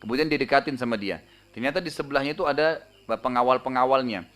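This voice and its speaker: Fast-talking male preacher telling a story. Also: medium pitch. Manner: lively retelling, tags lines with a casual "gitu kan"; raises his voice to act out the shouts in the story. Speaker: Islamic preacher. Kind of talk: sermon storytelling.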